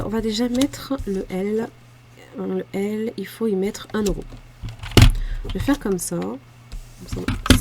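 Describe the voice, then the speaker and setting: Southern french lady in her 40s, budget vlog, chatty and self-mocking, talks slow, noisy background. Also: mid-range voice. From France. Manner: chatty, self-deprecating, muttering asides while handling cash. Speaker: budgeting vlogger. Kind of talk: casual talk to camera while filling savings challenges.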